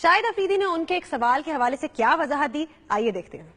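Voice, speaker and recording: A woman news anchor questioning a reporter live with crisp, probing questions. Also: high voice, animated, a bit bright, big-room sound.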